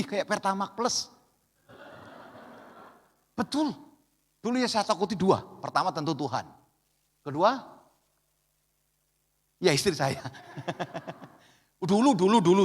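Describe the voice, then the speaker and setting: Middle-aged Javanese-accented pastor, bright forceful voice, lively jokey sermon that swings from loud to hushed, long church-hall echo. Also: male voice, sits high. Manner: animated and joking, swinging between loud calls and quiet asides.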